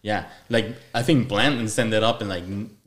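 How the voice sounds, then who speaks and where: A man with a low voice in a relaxed tasting chat. As co-host he tells a story, stressing his points with emphatic, insistent asides. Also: normal speed. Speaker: podcast co-host. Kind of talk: casual chat.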